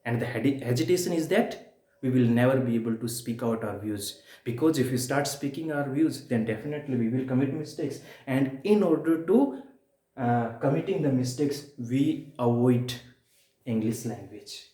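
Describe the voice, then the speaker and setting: Recorded in an echoey room, this spoken-English lesson comes from a man from India, a native Hindi speaker with an Indian accent. His voice is medium in pitch with a dark tone, and he teaches repetitively, pausing for emphasis and posing rhetorical questions.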